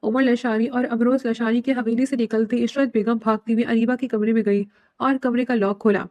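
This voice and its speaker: Lady reading a novel out loud, steady, kinda high voice. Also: dry recording, highs cut off. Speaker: narrator. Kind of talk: audiobook novel narration.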